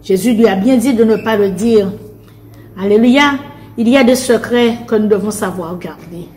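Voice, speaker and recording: A woman's voice: mid-range voice, darkish tone, slight background noise. A woman preacher leading a fervent prayer and reading aloud from the Bible, repeating invocations to the Lord between short phrases. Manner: short spoken phrases with pauses.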